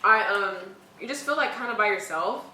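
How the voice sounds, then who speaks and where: A young woman chatting casually as a co-host, slangy, giggly and animated in the way she talks. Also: medium pitch, normal speed. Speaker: mukbang co-host answering viewer questions. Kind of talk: casual girl-talk chat. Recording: roomy echo, distant mic, faint noise.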